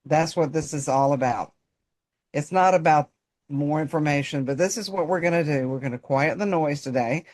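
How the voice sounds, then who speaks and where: A woman's voice: low voice, normal speed, darkish tone. A woman with a North Carolina Southern accent, presenting informally as a coach and addressing listeners directly in a folksy way. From North Carolina, United States. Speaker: personal development coach, guest presenter.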